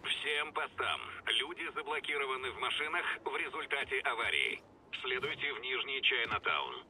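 A man's voice: mid-range voice, expressive, normal speed, pushed and bright, a little hiss or hum. A man voicing a matter-of-fact male police dispatcher in a video game, heard over a police radio and giving terse orders to all units. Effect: police radio transmission.

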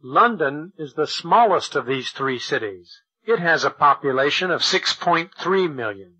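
A slow, bright-voiced man reading a textbook. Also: fairly high pitch, animated, breathy edge, poor audio. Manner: slow, deliberate, over-articulated delivery for learners. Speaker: textbook audio narrator.

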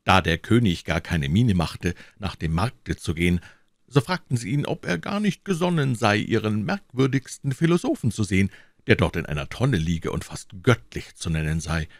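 A man narrating a classic tale in a measured, expressive reading. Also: fairly low pitch, dry recording, studio quality. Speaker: audiobook reader. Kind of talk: storybook narration.

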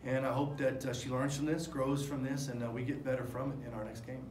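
A middle-aged head basketball coach at a postgame presser speaks in a mid-range, level voice at a fairly quick clip. He's candid and rambling, with lots of um's, fillers, and loose restarts, talking into table mics in front of a sponsor backdrop. The press room sounds echoey with faint noise.

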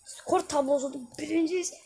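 A woman commenting live on her own football game, exasperated and often yelling at the screen. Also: high-pitched, normal speed, vocal fry. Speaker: gaming YouTuber. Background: game music and sounds.

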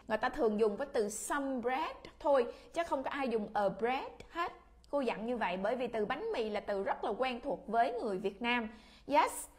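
High-voiced Vietnamese woman teaching children. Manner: patient, repeats words for pupils to read along. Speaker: English teacher. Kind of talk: children's English lesson.

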